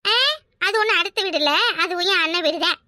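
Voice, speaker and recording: Woman doing a brash, argumentative village woman, very high voice, bright and piercing, cartoon. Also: brisk, no echo, studio quality, heavily acted. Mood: defiant. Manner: loud, boastful, argumentative. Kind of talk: cartoon voice acting.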